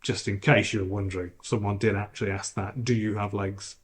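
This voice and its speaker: A man's voice: lowish voice, fairly even intonation, a little fast. A man talking to his viewers in a rambling, casual vlog, recorded on a camera's built-in mic that makes his voice sound slightly robotic. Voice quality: slightly robotic, degraded audio. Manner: chatty, rambling, frequent restarts and fillers. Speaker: YouTuber.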